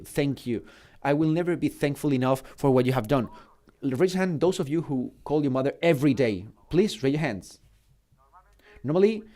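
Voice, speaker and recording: A man's voice: mid-range voice, darkish tone. Middle-aged guy giving a keynote, earnest and punchy, choppy english. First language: Spanish. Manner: emphatic and earnest, in halting non-native English. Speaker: keynote speaker. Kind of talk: motivational conference talk.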